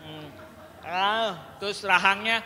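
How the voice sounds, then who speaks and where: A man teaching a public speaking workshop on telling stories to children, talking in an animated, playful way and breaking into acted storytelling. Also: sits high, takes it slowly. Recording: long hall reverb, faint room noise.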